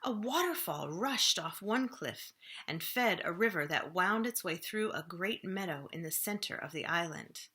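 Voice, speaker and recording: In the manner of a librarian at story time, a woman reads a children's book aloud. Her voice is fairly low and expressive, and she uses dramatic pauses and slow, hushed delivery for the suspenseful parts.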